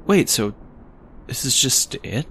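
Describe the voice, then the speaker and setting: A man's voice: medium pitch, very animated, slow, fairly bright tone, slight background noise, exaggerated voice. A man playing a world-weary, sarcastic private detective in a noir audio drama, hardboiled, wry and stubborn. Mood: sarcastic, put out.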